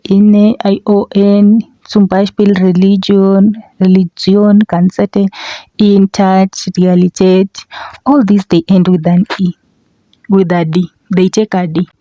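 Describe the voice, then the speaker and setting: A woman's voice: mid-range voice, warm tone, no echo, low-quality recording. A woman giving an online language lesson as a teacher, repeating example words and often checking in with a short question. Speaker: teacher, video host.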